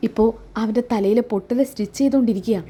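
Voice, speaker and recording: A calm middle-aged father talks his wife down in a steady, soothing way, voiced by a woman. The tone is warm and mellow, pitched fairly high. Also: racing, breathy edge.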